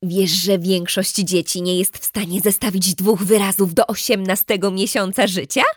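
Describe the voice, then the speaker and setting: A woman voicing a calm, doting mother who talks to her children in a soothing, patiently lecturing way. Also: medium pitch, moderate pace, slightly rough, dry recording, clean studio sound, close to an everyday voice. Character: calm, doting mother of a teen girl and a baby.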